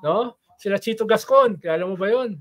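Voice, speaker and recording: Higher-pitched man explaining politics. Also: fairly quick. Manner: explanatory, tags sentences with "no?". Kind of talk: casual political talk show discussion.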